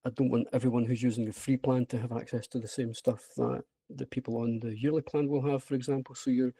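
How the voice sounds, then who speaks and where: Talking fast in a steady, medium-pitched voice that's dark and husky, this broad-accented Scot presents his app informally on a remote video call with screen share. He comes across as hesitant and self-deprecating but keen, and there's no echo.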